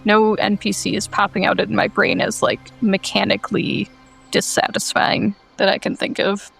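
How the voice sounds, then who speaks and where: A woman's voice: medium pitch, expressive, normal speed, gravelly, fairly bright tone, slightly rough, soft background music, rough recording. A woman player chatting casually, thoughtful and a little hesitant. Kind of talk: casual debrief chat.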